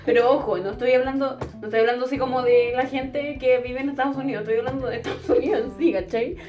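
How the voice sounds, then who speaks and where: A woman's voice: sits high, fairly even intonation, fast, echoey room, muffled recording, soft background music. A young woman with a Chilean accent, ranting with strong opinions in a casual chat among friends, often laughing.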